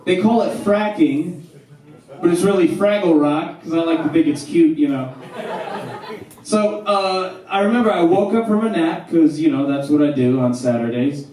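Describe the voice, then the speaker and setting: A man's voice: fairly high pitch, normal speed, darkish tone. Rambling man doing stand-up in echoey room. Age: 30s. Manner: loose, rambling, laughing between jokes. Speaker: stand-up comedian. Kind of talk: stand-up comedy set. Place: small theater stage with audience. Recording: echoey room from far off, crowd noise.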